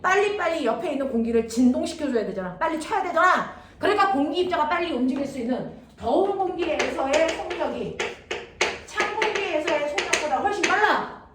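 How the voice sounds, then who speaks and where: A woman's voice: high voice, animated, a little fast. A woman teaching science to a class, blunt and teasing, checking again and again that the students follow. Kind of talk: classroom lecture. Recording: echoey room, distant mic, noisy.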